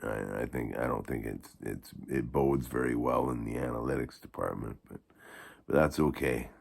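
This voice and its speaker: Very deep gravelly-voiced man. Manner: halting, rambling delivery with repeated false starts. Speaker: YouTube product reviewer. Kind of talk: rambling casual review to camera.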